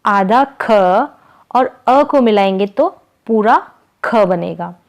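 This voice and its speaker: A woman teaching a reading lesson, slowly spelling out syllables and example words one at a time. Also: mid-range voice, animated, gravelly. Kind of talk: slow, careful Hindi vowel-sign lesson.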